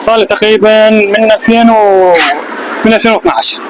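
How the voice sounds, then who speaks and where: A man's voice: high-pitched, little pitch movement, fast, background noise. A man with an Iraqi Arabic accent, a restaurant owner giving casual interview answers in short, list-like phrases.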